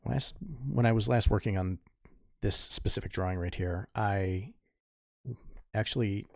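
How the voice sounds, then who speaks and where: Low gravelly man in his fifties. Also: unhurried, no room sound, clean studio sound. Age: 50s. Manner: rambling, self-correcting, mutters to himself. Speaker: comic artist streaming his drawing. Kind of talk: casual tutorial chat while drawing.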